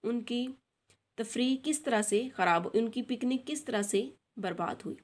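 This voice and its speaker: A woman tutor with a Pakistani accent, going through a textbook lesson for children. She reads each English line slowly and then explains it in Urdu. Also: on the high side. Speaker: online tutor.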